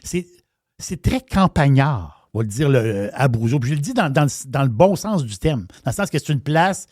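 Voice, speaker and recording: A man's voice: medium pitch, lively intonation, normal speed, darkish tone, no room sound, studio quality. Chatty Québécois man on radio. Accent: Québécois French. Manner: chatty, repeats words, uses slangy colloquial phrasing. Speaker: wine columnist on a radio show. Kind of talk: casual radio chat.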